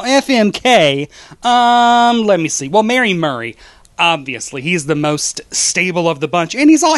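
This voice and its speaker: A campy American drag queen, a man with a notably high-pitched voice, hosts to camera. The delivery is theatrical and comedic, with the polish of a prepared script. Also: a bit bright. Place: small home office, indoors.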